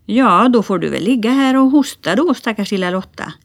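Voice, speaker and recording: A woman's voice: on the high side, expressive, no room sound, studio quality, voice pushed up. A woman reading a storybook aloud, voicing a patient mother who soothes and praises her child. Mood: soothing.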